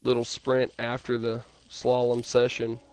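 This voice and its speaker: A man doing relaxed live commentary on a sim racing stream, chatting and reading chat messages aloud. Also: mid-range voice, unhurried, faint music behind. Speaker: race commentator. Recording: stream audio with clear background noise.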